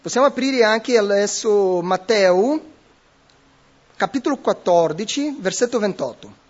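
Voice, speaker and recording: A man with a high, husky voice preaches a sermon with emphatic rhetorical questions and frequent self-corrections. The recording is dull and lo-fi. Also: expressive, a little slow.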